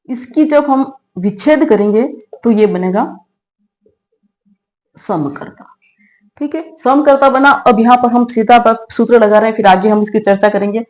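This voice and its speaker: The voice is fairly high and a bit mellow, and the audio is poor. A middle-aged woman gives a classroom grammar lesson, explaining one step at a time and answering her own rhetorical questions. Her frequent check-in is a brief "theek hai," which means "all right."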